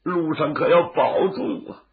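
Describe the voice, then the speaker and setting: A male storyteller voicing a kindly, anxious old peasant with a gravelly voice, a Northeastern Chinese accent and dramatic, plaintive exclamations. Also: on the high side, fairly even intonation, unhurried, narrow, tinny audio, natural voice. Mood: tender.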